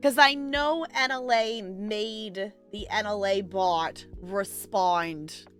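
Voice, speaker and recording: A woman with a medium-pitched, slightly bright voice hosts a livestream at a slow pace. She chats casually with viewers and thinks aloud in a rambling way, with faint music in the background.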